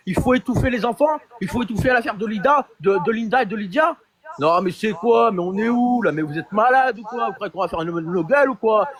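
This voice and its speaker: A man with a notably high voice hosts a live stream and goes on the attack. He hammers a rival with accusations and fires off one rhetorical question after another, repeating lines to drive them home. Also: fairly bright tone. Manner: confrontational, accusing, rapid-fire rhetorical questions; repeats phrases for emphasis. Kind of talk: heated live-stream rant.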